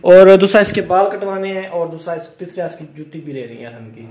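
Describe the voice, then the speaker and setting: A man's voice: high-pitched, a little mellow. A man vlogging casually, chatty as he explains building work around his house step by step. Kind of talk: casual home vlog chat.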